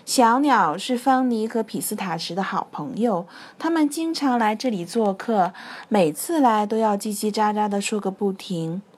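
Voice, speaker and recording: A woman narrating a bedtime story for children, slow and expressive. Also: medium pitch.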